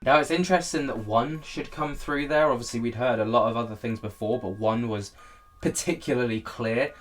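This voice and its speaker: A man's voice: medium pitch, brisk, slight background noise. A man giving casual, candid commentary as he looks back on his own video, poking fun at himself. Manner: self-deprecating, candid.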